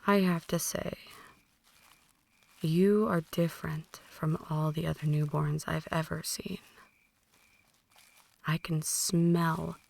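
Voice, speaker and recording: This slow, intimate dramatic monologue is an ASMR roleplay in which a woman voices an ancient female vampire, fully in character. Low, soft and breathy, she slips often into whispers and keeps a level, calm tone. Taking her time over each line, she lectures in a deliberate, condescending, quietly menacing way, like a possessive mentor speaking to a newborn.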